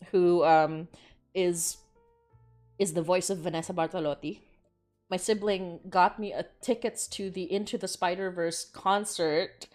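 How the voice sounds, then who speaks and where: A woman co-hosting a livestream, chatting casually in an expressive, gushing, informal way. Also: on the low side. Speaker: livestream co-host. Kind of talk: casual chat.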